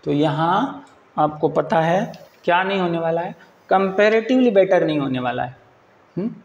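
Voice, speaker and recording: A man teaching English grammar for exams, explaining in Hindi and reading English sentences slowly, often checking that listeners follow. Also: on the high side, animated, echoey room, lo-fi sound. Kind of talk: exam-prep grammar lesson.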